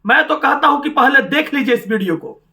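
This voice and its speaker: A man's voice: very high-pitched, lively intonation, fairly quick, heavy background noise. A man giving combative, taunting political commentary, firing questions at officials.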